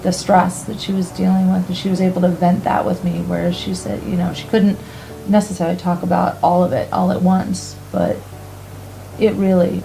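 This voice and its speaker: A woman's voice: on the low side, gravelly, dark tone, poor audio. A woman speaking candidly and reflectively about supporting someone in the military. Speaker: military family member. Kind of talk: interview testimony.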